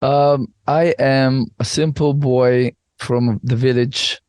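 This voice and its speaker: Guest, man in his thirties from Bulgaria, rambling, mid-pitched voice, dry sound. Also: fairly even intonation, slow, a little mellow, clear, resonant tone, no echo. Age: 30s. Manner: rambling, many restarts and asides. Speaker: podcast guest. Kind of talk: casual interview chat.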